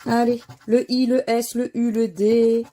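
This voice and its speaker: A scratch card vlogger speaks a little slowly in a slightly high, mellow voice with little pitch movement. She casually talks through scratching lottery crossword tickets, calling out letters and words individually and sighing whenever one misses.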